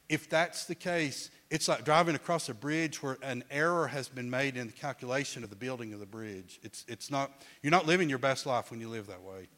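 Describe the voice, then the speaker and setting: A man's voice: medium pitch, a bit bright. Man teaching a Bible class, conversational. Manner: conversational, repeats words as he restarts, asks the class questions.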